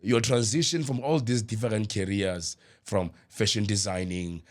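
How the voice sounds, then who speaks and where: A man hosting a podcast, his voice sitting low in pitch. He asks long, searching questions and fills his guest's answers with a steady stream of murmured agreement. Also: normal speed. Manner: frequent murmured agreement while guest talks. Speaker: podcast host. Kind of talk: conversational interview.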